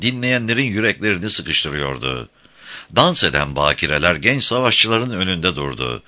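Deep bright-toned male audiobook narrator. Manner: measured, vivid storytelling.

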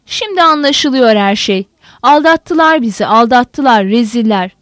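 A bitter male prisoner, read by a woman narrator, railing loudly at those who betrayed him. The audiobook voice sits high and is recorded close and dry. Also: expressive, measured pace, dry recording. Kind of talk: audiobook character voice.

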